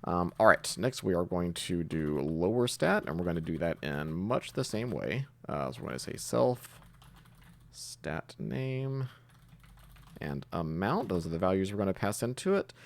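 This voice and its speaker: This man hosts a casual coding tutorial, explaining each step and musing out loud while typing. He speaks at a measured pace in a low, sing-song voice with vocal fry.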